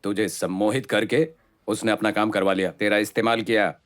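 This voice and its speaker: A man's voice: on the low side, steady tone, a little fast, natural voice. A man voicing a tough police officer in a dubbed action film, curt and commanding. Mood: stern. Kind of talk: Hindi film dubbing. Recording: dubbed film with loud music.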